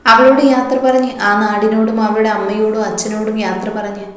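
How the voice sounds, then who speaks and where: A woman narrating a romantic story in a steady reading voice. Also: mid-range voice, fairly quick. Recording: very echoey room, long reverb.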